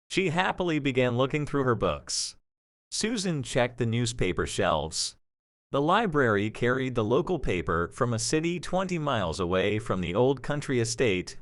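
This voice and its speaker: A male narrator with a medium-pitched voice reads a scripted story, his delivery expressive and varied. The recording is dry, with no room sound.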